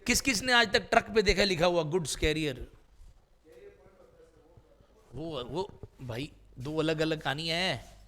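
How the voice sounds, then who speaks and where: A man's voice: on the high side, slow pace, long pauses, sharp tone. A man teaching English vocabulary in a classroom, quizzing students with repeated questions in a playful way.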